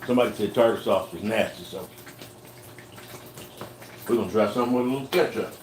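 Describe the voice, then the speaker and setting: Folksy low-voiced man cooking outdoors. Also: brisk, a little mellow, echoey room, far from the mic, slight background noise, rough recording. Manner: folksy, tastes food while talking. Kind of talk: casual cooking livestream.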